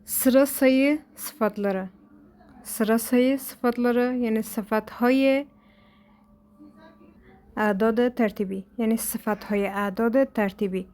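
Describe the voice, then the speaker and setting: Female language teacher, Afghan Dari accent, slightly high voice, patient step-by-step textbook explanations. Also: fairly even intonation, a little mellow. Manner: reads examples aloud, then explains slowly step by step. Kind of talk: recorded textbook lesson.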